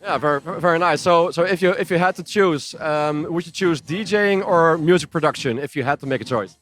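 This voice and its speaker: A man's voice: a little high, fairly quick, a bit bright. A man hosting a podcast, asking questions with short encouraging replies. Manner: brief encouraging replies, laughs often. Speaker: podcast host and interviewer. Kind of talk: casual interview.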